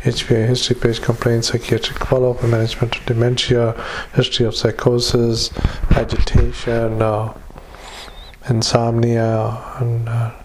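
Man dictating flat clinical notes. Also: medium pitch, a little hiss or hum, poor audio. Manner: halting, many "uh" fillers, speaks punctuation aloud. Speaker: psychiatric clinician.

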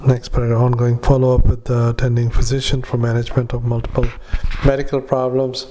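A man dictating a patient note into a dictaphone, halting with many fillers and reading out punctuation and paragraph breaks. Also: mid-range voice, monotone, mellow. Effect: dictaphone recording. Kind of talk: medical dictation into a recorder.

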